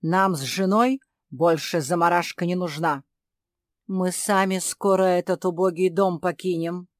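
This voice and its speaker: A woman puts on a puffed-up male dog father for a storybook. He shouts his commands harshly and drags his words out slowly. The voice is close and dry. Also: fairly low pitch, steady tone, no room sound, lightly acted. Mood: angry.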